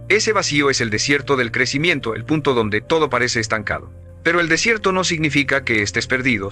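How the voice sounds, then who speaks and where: A man giving scripted motivational narration in an emphatic, measured, preaching cadence. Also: mid-range voice, bright, forceful tone.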